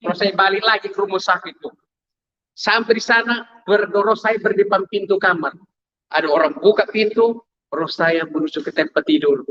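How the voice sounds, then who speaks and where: A man's voice: high voice, normal speed, fairly bright tone, muffled recording. A man telling his testimony to a congregation, storytelling vividly and acting out sounds. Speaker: testimony speaker.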